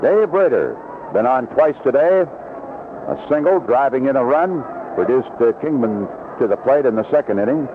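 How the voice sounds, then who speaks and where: Expressive and moderately paced, a man with a mid-range voice works the play-by-play at an outdoor ballpark, weaving in promotional spots. The recording resembles a noisy, band-limited old AM broadcast with phone-quality sound.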